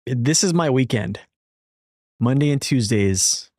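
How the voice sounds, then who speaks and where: A man's voice: medium pitch, expressive, slow pace, darkish tone, no room sound, clean studio sound. A man chatting casually on a gaming livestream, laid-back, his speech slightly slurred from a mouth numbed at the dentist. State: numb-mouthed after dental work, slightly slurred. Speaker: video game live streamer.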